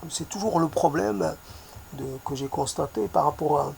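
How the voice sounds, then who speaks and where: A man with a noticeable accent, speaking softly in a reflective monologue, pausing often and searching for his words. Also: a little high, vocal fry, a little hiss or hum. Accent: foreign accent in French. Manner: hesitant, searching for words, many fillers; soft-spoken.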